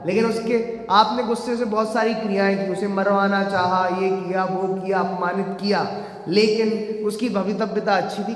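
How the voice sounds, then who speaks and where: A man preaching a sermon, telling a moral story and asking the listeners rhetorical questions. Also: high-pitched. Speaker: Jain preacher. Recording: echoey hall.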